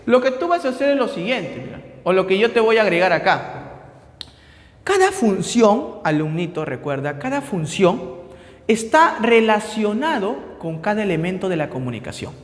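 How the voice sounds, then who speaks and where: A man with a high voice and a Peruvian Spanish accent gives a lecture to his students. He leans on key words slowly, then lets his voice drop away, and keeps asking "¿ya?" to check they follow. The room is echoey, with a long reverb tail. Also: big pitch swings. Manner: explains with repeated checks like ¿ya? and ¿no?; stresses key terms slowly, then trails off quieter. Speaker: teacher.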